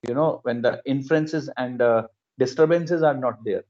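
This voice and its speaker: Indian-accented man, instructor, advisory tone, repeated phrases, mid-pitched voice, muffled online call. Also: normal speed, a little mellow. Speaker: course instructor. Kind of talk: casual online teaching talk. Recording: dull lo-fi online call audio.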